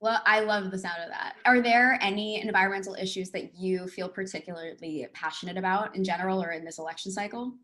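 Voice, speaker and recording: A woman co-hosts a livestream in a playful, joking way. Her voice is bright and crisp, pitched in the middle. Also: steady tone, fast talker, few pauses. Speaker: co-host. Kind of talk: livestream chat.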